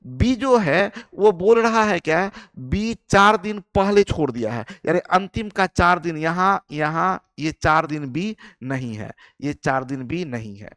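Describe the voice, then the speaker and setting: A man's voice: a little high, lively intonation, unhurried, few pauses, fairly bright tone, dry recording, studio quality. A man teaching a live online maths class, explaining each step and often asking the class whether they follow. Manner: explains step by step, often asks the class "yes or no", calls students "friend".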